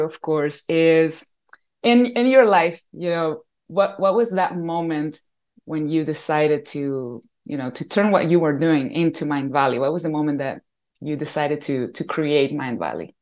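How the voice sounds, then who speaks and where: A woman hosting a podcast interview with an energetic, enthusiastic manner. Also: low-pitched, unhurried. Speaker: podcast host.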